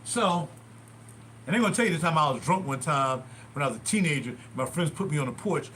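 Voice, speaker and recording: An older man in his sixties tells rambling stories on a livestream, his voice rising and falling in lively swings. His pitch sits a touch high for a man. He wanders off on side stories as he talks from a small bathroom at home. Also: fairly quick, a little hiss or hum. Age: 60s. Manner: rambling, animated, digressive. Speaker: livestream host. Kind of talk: casual storytelling.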